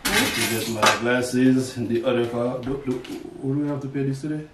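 A man's voice: mid-range voice, moderate pace. A man, joining in off to the side with short, teasing replies. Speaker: vlogger's partner. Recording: echoey, faint traffic noise.

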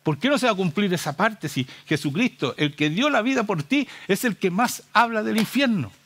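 Impassioned Chilean preacher man, gravelly. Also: high voice, animated, normal speed, fairly bright tone. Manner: impassioned, urgent rhetorical questions. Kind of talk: sermon.

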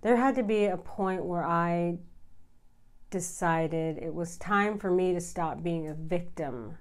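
A middle-aged woman shares personal stories to camera in a smooth, slightly low voice. She takes her time, informal and confiding, leaving deliberate pauses between phrases. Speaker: vlogger. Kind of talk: candid personal storytelling to camera. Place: small furnished room indoors.

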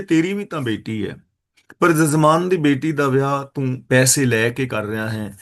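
A male preacher from Punjab gives a scripture talk. He chants each verse at an unhurried pace, then breaks it down in everyday speech. His voice sits at an ordinary middle pitch for a man. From Punjab, India. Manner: recites verses slowly, then explains in plain words. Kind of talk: line-by-line scripture exposition.

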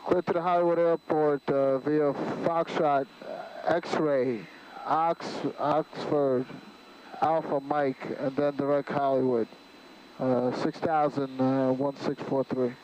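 A man's voice: medium pitch, level tone, slow pace, a little mellow, highs cut off, a little hiss or hum. A man piloting a small plane, making somewhat hesitant radio calls into an aviation headset. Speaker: private pilot. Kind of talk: radio calls and cockpit chat. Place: small plane cockpit in flight. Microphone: aviation headset boom mic.

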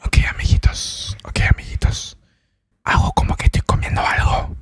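A man with an Argentine accent, streaming in a joking whispered ASMR style into a desk microphone. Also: moderate pace. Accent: Argentine Spanish. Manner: joking, breaks into playful outbursts.

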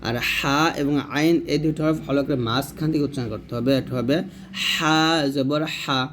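A man from Bangladesh with a Bangladeshi Bengali accent, teaching Quran reading. He draws out letter sounds slowly, then explains quickly how to form each one. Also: mid-range voice, steady tone, a little hiss or hum. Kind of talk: step-by-step recitation lesson.

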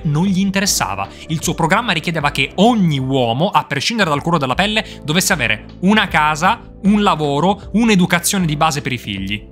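A history video narrator giving a sarcastic, emphatic scripted narration with sudden mocking jumps in pitch. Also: a bit bright.

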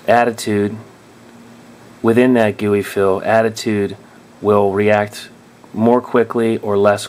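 A man's voice: on the low side, darkish tone. A man explaining drone control settings in a casual tutorial, thinking aloud and often restarting or correcting himself. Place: indoors at a table.

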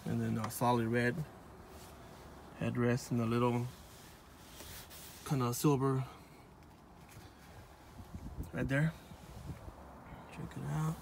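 A man filming on a phone in a car lot, showing viewers a new car in a relaxed, offhand way. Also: medium pitch, takes it slowly, vocal fry, pauses often, a little hiss or hum. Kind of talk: casual walkaround video. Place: outdoor car dealership lot and inside a car. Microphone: phone held in hand while filming.

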